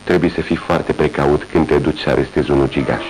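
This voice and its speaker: An actor playing Sherlock Holmes in a radio drama, speaking with calm confidence and light irony. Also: male voice, rumbling low, heavy background noise. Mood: calm, assured. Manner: confident, measured, lightly ironic. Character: Sherlock Holmes, sharp, calm middle-aged male detective. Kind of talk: 1980s radio drama acting.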